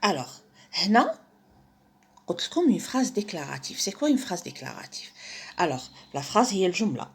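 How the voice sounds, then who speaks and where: Woman teacher, Algerian accent, slightly low husky voice, lively intonation, slow repeated key words for children. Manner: mixes French with Algerian Arabic, repeats key words slowly. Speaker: French teacher. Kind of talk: primary school lesson, explaining a textbook page.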